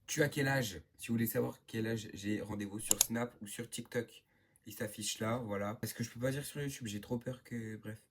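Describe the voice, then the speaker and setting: This YouTuber, a teenage boy from northern France, chats his way through viewers' questions in a relaxed, meandering vlog packed with fillers. He speaks in a lowish voice at a moderate pace, with slight hiss or hum behind him.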